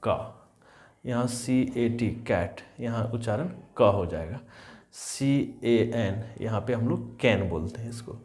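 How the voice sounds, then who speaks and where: Slow-paced and a little mellow, with a medium pitch, a male teacher leads a spelling and pronunciation lesson in English. He says each word letter by letter and then in full, restating every rule several times. He speaks to his young learners as children and often checks in with "is that clear."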